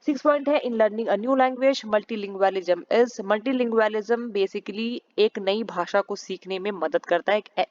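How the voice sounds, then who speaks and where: A woman teacher giving a recorded exam-prep lesson, reading each question out slowly and then explaining it briskly, recorded at home. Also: medium pitch, dull audio. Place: home, festival firecrackers outside.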